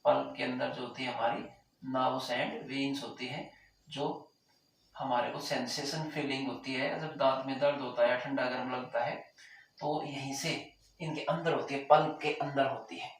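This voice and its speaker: A man teaching a lesson, repeating key terms and asking the class whether it is clear, with a sore throat that keeps making him clear it. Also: medium pitch, steady tone, unhurried, slight background noise. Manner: repeats key terms, asks rhetorical check questions. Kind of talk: classroom lecture. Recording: very echoey room, mic far off.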